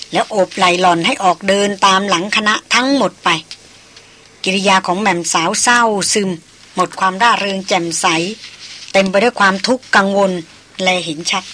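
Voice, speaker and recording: A woman narrating a novel as an audiobook, telling the story in a steady way. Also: mid-range voice, slight background noise.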